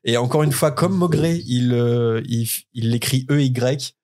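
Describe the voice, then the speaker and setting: A man's voice: medium pitch, unhurried, darkish tone. A French man hosting a casual podcast, enthusiastic and hesitant with frequent fillers. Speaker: podcast host. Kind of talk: casual chat about book translation.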